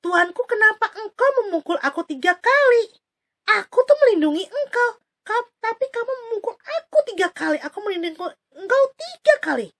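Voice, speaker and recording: A woman's voice: extremely high pitch, very animated, brisk, voice pushed up, heavily acted. Woman doing a pleading talking donkey. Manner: pleading, anxious. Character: loyal frightened talking donkey, male.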